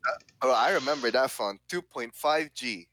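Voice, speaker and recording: A man's voice: medium pitch, lively intonation, moderate pace, bright, forceful tone. A nineteen-year-old man in a casual podcast chat, teasing his friends and laughing often. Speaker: podcast co-host.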